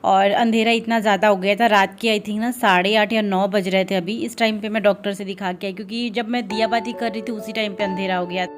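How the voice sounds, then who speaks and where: A woman's voice: medium pitch, steady tone, fairly quick, hardly any pauses. Tired Indian woman vlogging. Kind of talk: casual vlog narration.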